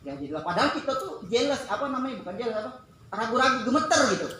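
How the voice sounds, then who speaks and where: A man's voice: extremely high pitch, sing-song, very fast, bright, forceful tone, very echoey, slight background noise, low-quality recording. A man giving a workshop talk to an audience, acting out little dialogues in playful voices. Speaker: workshop presenter. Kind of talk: lively seminar talk.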